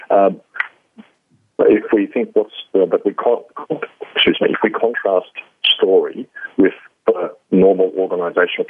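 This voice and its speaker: A man's voice: deep voice, husky, no echo. A man with an Australian accent, a radio show guest talking casually and hesitantly, with many fillers and restarts. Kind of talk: casual interview talk. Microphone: phone. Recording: tinny phone line.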